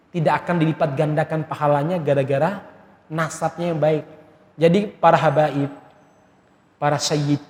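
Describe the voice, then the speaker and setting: A man from Indonesia's Malay region giving a sermon as a preacher, telling stories in a lively way with friendly asides to the congregation. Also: fairly high pitch. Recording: echoey hall with long reverb.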